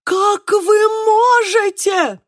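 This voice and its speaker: A woman voicing an excitable, solemn man who reads a will aloud and takes offence easily. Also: fairly high pitch, a little slow, no echo, clean studio sound. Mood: offended. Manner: solemn reading, bursts of indignant shouting.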